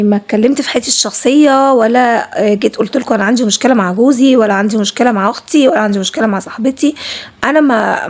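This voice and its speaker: She's a home vlogger with an Egyptian Arabic accent, chatting over her cleaning clips in a quick, emphatic way and saying things more than once. Her pitch is fairly high.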